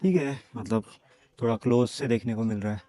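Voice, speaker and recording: A man's voice: mid-range voice, brisk, mellow. A man chatting as a travel vlogger while he walks outdoors among rocks and a temple, mixing English words into his talk. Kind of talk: casual walking travel vlog. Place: outdoors at caves and a hillside temple.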